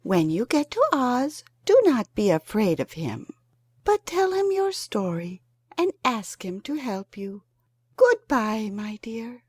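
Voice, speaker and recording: Woman doing a gentle little old witch for a storybook: high, breathy, unhurried, with a voice that swoops, close and dry. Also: big pitch swings, dry recording, heavily acted. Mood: kindly solemn. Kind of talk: storybook reading.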